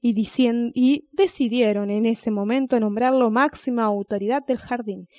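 A woman narrates a children's tale in a gentle, expressive way. Her voice sits fairly high. The recording is dry and close, with no room sound. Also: moderate pace, dry recording. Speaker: storyteller. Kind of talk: children's story reading.

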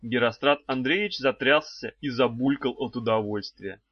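A man's voice: mid-range voice, normal speed, dry recording. Man narrating an audiobook. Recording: dull, slightly lo-fi dry recording.

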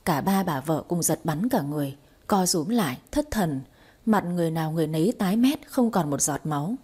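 Woman reading a story aloud, husky and warm, steady pace. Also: low voice, a little fast. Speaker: narrator. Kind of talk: storybook narration.

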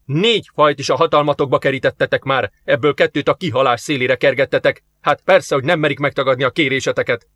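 A man's voice: fairly high pitch, fairly bright tone, no echo, close to an everyday voice. A man voicing a stern, hostile male alien warlord in an audiobook, talking in curt commands. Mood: angry.

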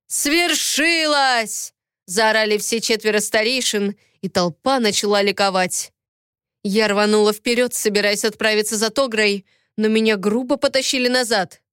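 Woman narrator, expressive first-person audiobook read, smooth clean voice, dry close sound. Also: mid-range voice, normal speed, no room sound.

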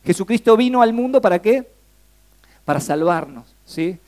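A man's voice: high-pitched, normal speed. A young man with a Rioplatense accent preaching a sermon, talking conversationally and peppering the congregation with questions. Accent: Rioplatense Spanish. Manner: asks the congregation frequent questions, lively and conversational.

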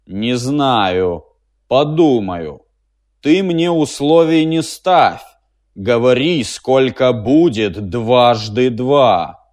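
Man voicing a dim-witted giant female machine, stubborn, menacing, slow, booming. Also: expressive, darkish tone.

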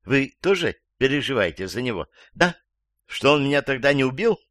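An excitable old woman witness, put on by a male audiobook reader sits high above his own voice and flings shrill accusations. She is suspicious of everyone in the room. The recording is dry and close. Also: moderate pace, no echo, close to an everyday voice. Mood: agitated. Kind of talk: audiobook character voice.

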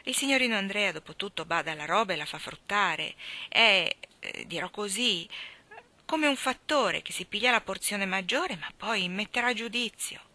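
A woman reading aloud voices an old male servant who talks to his mistress in a deferential, gently reassuring way. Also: medium pitch, animated, moderate pace.

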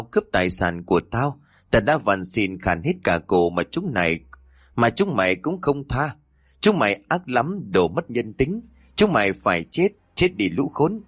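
A man's voice: on the low side, very animated, moderate pace, husky, no room sound, clean studio sound. A man voicing a vengeful female ghost who curses her killers in a raised, accusing voice. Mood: furious. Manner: snarling, accusing.

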